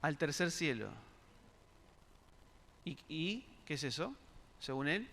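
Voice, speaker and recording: A man delivers a sermon to his congregation, his fairly high voice edged with gravel. He keeps asking them questions and repeats small words while he reaches for the next phrase. The room rings with long church-hall reverb. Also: very animated, slow pace, fairly bright tone. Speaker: pastor.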